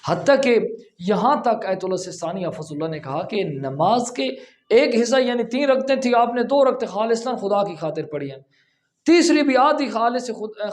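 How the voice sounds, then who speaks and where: A man giving an instructional talk on how to pray, addressing viewers as believers and slowly demonstrating the recitations. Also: high-pitched, a little mellow. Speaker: religious teacher.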